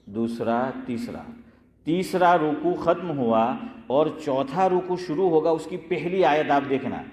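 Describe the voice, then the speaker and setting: Cleric quizzing listeners in echoey hall. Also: male voice, a little high, darkish tone. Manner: quizzes listeners by name, chants phrases to demonstrate. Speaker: Islamic scholar teaching recitation. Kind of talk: informal religious lesson. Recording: echoey hall with long reverb.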